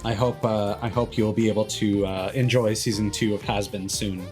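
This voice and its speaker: Over music, a video game streamer gives casual, analytical livestream commentary while gaming, rambling and often trailing off mid-thought. The voice is medium-pitched and steady at a normal speed.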